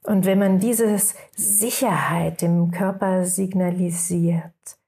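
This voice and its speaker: A woman leading a guided meditation in a slow, soothing way, at times dropping into soft whispers. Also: fairly low pitch, fairly even intonation.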